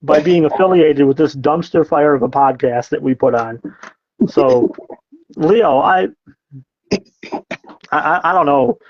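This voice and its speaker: A man's voice: a little high, animated, slow pace, gravelly, long pauses, dull audio. A man hosting a casual podcast, reading out comments and mocking them with sarcastic, profane jabs. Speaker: podcast host.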